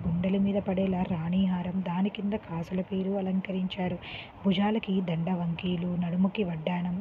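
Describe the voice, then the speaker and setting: A woman narrating a dramatic story in a steady, earnest reading voice. The sound is tinny and phone-like with a faint hiss. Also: lowish voice. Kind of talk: scripted narration.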